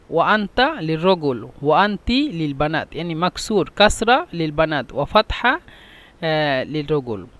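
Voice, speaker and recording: A man gives a language lesson in a notably high voice. He goes slowly and repeats each phrase again and again for his students. The sound is close and dry, with no room echo. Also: a bit bright. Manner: patient, repeats each phrase several times. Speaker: Arabic teacher. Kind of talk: classroom-style language lesson.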